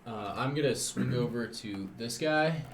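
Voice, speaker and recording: A man playing a tabletop game, talking casually, swearing freely and tossing off quick asides. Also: mid-range voice, reverberant, slight background noise. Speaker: player.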